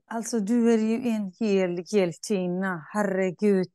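A woman's voice: mid-range voice, fairly even intonation, mellow, no echo, clean studio sound. A woman interviewing a guest, asking emotional, empathetic questions with frequent restarts. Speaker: host. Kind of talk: conversational interview.

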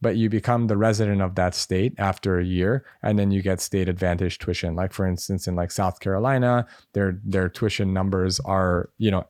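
A man's voice: sits low, a little mellow, no echo, studio quality. An American man, a medical school admissions advisor, answering interview questions in a conversational way with many fillers. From United States.

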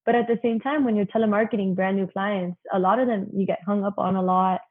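Over a thin, phone-like connection, a woman in her early twenties talks fast in a slightly rough, medium-pitched voice that stays steady in tone. She's a guest in a relaxed interview, sounding young and leaning heavily on "you know" as filler.

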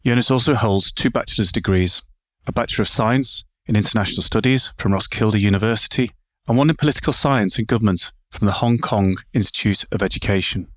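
A man's voice: fairly low pitch, a little fast, dry recording, lo-fi sound. A man hosting a podcast, reading a polished scripted introduction and then putting questions to his guest. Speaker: podcast host.

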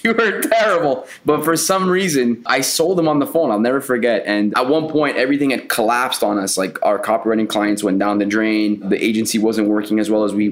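A man, a podcast co-host, telling a personal story in a rambling, profane, emotional way. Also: on the low side. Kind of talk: casual storytelling. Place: Montreal.

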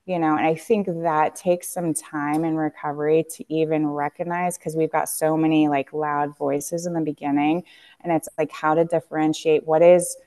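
The founder of a tea company, a guest on a podcast, speaks candidly and reflectively in a low, level, warm voice at normal speed. Her speech is full of fillers and restarts.

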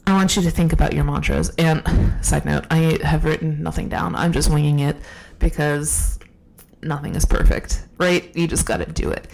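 Recorded on her phone in a downstairs room at home, a podcast host speaks an unscripted, casual monologue while sick and losing her voice. She rambles and pokes fun at herself in a low, creaky, darkish voice at normal speed, and the audio is poor.

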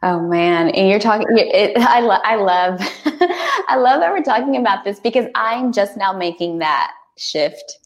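Animated woman laughing through a podcast chat. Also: mid-range voice, measured pace. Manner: animated, laughs often, restarts. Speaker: podcast guest. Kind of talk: casual podcast conversation.

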